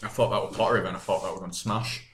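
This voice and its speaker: A man's voice: on the low side, steady tone, racing, very noisy. Teasing young man, echoey room. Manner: teasing, blunt, swears a lot. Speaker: podcast co-host. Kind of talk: casual chat.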